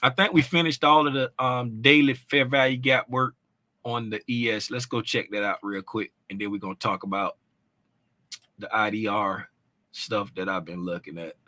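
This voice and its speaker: A trading educator with a lowish, bright and forceful voice explains charts at normal speed with fairly even intonation, and there's no room sound. His talk is loose and informal with restarts, and he keeps asking "right?" and "you know what I'm saying?"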